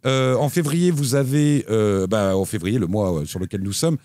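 A man co-hosting a casual chat show about TV and streaming picks, talking in an animated way with lively jumps in pitch. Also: normal speed, no room sound, studio quality. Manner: animated, lively pitch swings, frequent restarts. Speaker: co-host recommending TV shows.

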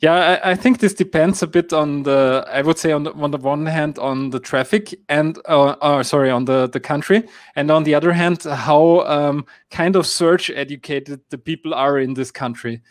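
With a voice on the high side and a German-speaking Austrian accent, this guest expert talks about app marketing during a live-stream Q&A at a moderate pace, hardly pausing, though he leans on fillers and hedging phrases. The recording is dry and cleanly studio-made.

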